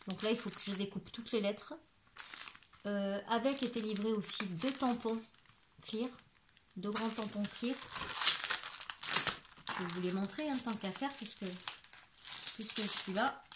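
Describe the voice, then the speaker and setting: A woman in her forties from France, chatting casually through a crafting haul with lots of fillers and restarts, recorded at home. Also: mid-range voice. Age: 40s. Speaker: crafting YouTuber. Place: home living room. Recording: echoey room with background noise.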